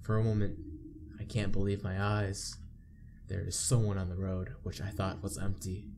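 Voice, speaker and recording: A deep-voiced man reads a visual novel aloud during a playthrough, commenting casually with game music playing behind him. His delivery is flat and moderately paced, with vocal fry and some background noise.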